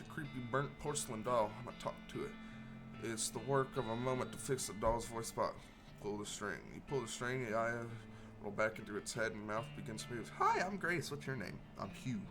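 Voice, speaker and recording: A man giving casual commentary on a video game playthrough, mumbling asides and reading on-screen text aloud. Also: mid-range voice.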